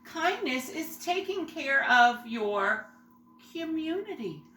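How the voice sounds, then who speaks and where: A woman's voice: high-pitched, very animated, slow, pushed and bright. A woman teaching young children, reading aloud and talking to them in simple phrases and questions. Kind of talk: singing greeting and read-aloud lesson for young children. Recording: roomy echo, faint background noise.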